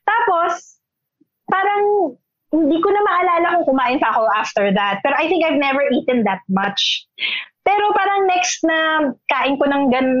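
A young woman from the Philippines, a podcast co-host telling an animated story in casual chat. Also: high voice, no echo, highs cut off. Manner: animated storytelling, switches between Filipino and English.

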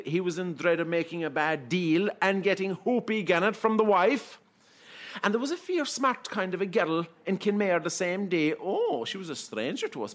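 Male Irish storyteller, Kerry accent, high voice, lilting folksy delivery for comic yarns. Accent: Irish, County Kerry. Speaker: traditional storyteller.

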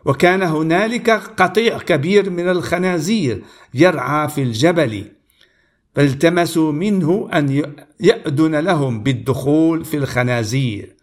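Man reading scripture, measured and high. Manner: measured, deliberate reading with pauses. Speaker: preacher. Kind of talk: Bible reading with sermon commentary.

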